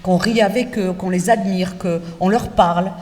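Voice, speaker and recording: A woman lecturer teaching future teachers, talking in a lively way and putting direct rhetorical questions to her students. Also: medium pitch, a little slow. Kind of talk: university lecture. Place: lecture hall. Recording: echoey lecture hall from far off, faint noise.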